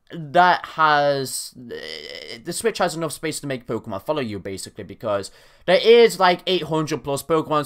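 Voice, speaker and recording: A young man giving casual, excited reaction commentary on game news, his voice cracking now and then. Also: on the high side. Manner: excitable, animated, frequent self-corrections. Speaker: gaming YouTuber.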